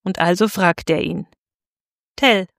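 A woman narrating a storybook in a steady, expressive reading voice. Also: medium pitch, moderate pace, no room sound, clean studio sound.

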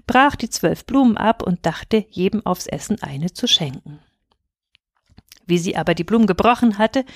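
A woman narrating a fairy tale in a calm, even storytelling voice on a close mic. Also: mid-range voice, dry recording.

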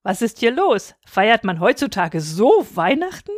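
A woman's voice: a little high, lively intonation, normal speed, dry recording, studio quality. A woman voicing a fussy, bossy old aunt with a bleating, nagging voice, in a story read aloud.

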